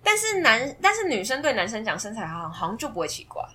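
A woman hosting a podcast in casual chat, animated and often laughing through her stories. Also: a little high, fast talker, slightly rough. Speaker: podcast host.

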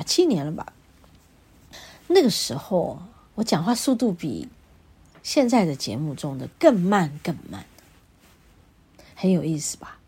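Solo podcast host, middle-aged woman with a Taiwanese Mandarin accent, chatty, laughs a lot, slightly low, husky voice. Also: darkish tone. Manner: chatty, laughs often, acts out quoted dialogue. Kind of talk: casual solo podcast chat. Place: home.

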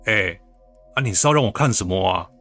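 A man's voice: fairly low pitch, expressive, a little fast, bright, forceful tone, soft background music. A man voicing an older male office finance manager who talks in a blunt, grumbling way. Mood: puzzled.

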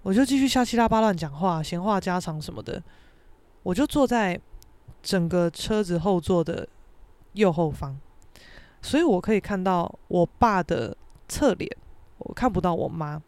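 A young woman with a Taiwanese Mandarin accent tells a story on her podcast in an animated, self-mocking way, swearing freely. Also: on the low side, moderate pace, no echo. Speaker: podcast host.

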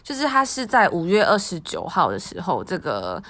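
A woman's voice: on the low side, wildly swooping pitch, normal speed, sharp tone. A woman podcast co-host with a Taiwanese Mandarin accent, discussing news casually and conversationally.

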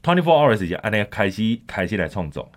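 A man's voice: on the low side, fairly quick. A man with a Taiwanese accent hosting a music show, chatting casually with lots of interjections. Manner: animated, with frequent interjections and backchannels. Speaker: radio music show host.

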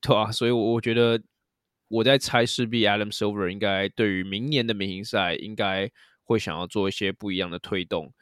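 A man's voice: on the low side, a bit bright, dry recording, clean studio sound. A man hosting a casual podcast chat, steering the talk and handing questions to his co-hosts. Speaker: podcast host.

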